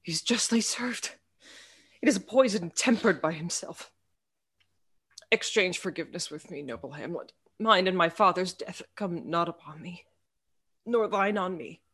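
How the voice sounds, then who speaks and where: A woman's voice: lowish voice, a little slow, a bit bright, husky. A woman acting a poisoned, repentant young nobleman in a Shakespearean tragedy.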